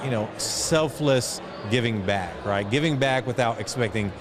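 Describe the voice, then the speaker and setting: A middle-aged man, an entrepreneur and foundation chairman, speaks as an interview guest in a reflective, conversational way. His voice is medium in pitch and moderately paced. The recording comes from a noisy outdoor event, with crowd chatter, street sounds and passing vehicles.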